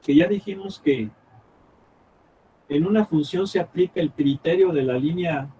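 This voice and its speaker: Guy teaching a math class, kinda high voice, keeps asking the class if they get it. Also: mellow, a little hiss or hum, poor audio. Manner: checks understanding often with quick questions, repeats himself; thinks aloud while drawing on the board. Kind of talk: live classroom lecture.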